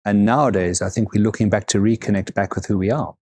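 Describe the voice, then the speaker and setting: A man's voice: fairly low pitch, fairly even intonation, darkish tone, no echo. A middle-aged man from Africa, a guest in an interview, talking thoughtfully and unhurriedly about his life and travels. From South Africa. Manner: thoughtful, unhurried, repeats words as he gathers thoughts. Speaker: guest, overland vehicle consultant. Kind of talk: reflective interview conversation.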